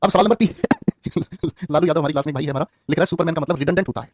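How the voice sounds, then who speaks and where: A man teaching grammar in a rapid-fire, teasing way. His voice sits high for a man and has a husky edge. The sound is close and dry. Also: no echo. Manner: rapid, teasing, joking with students in chat. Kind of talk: online class lecture.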